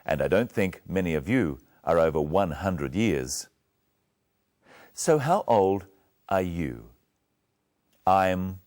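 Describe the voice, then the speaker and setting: Man, English teacher, slow patient lesson narration, lively intonation. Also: deep voice. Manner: patient, drills words one by one.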